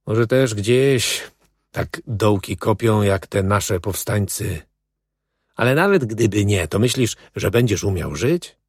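A man's voice: lowish voice, husky, no echo, studio quality, full character voice. A man voicing a weary, bitter male prisoner who talks in a brooding, resigned way.

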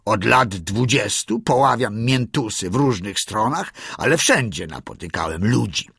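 A man voicing an old male sea lion who calmly gives advice in a slow, measured way. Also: on the low side, husky, no room sound, studio quality, heavily acted.

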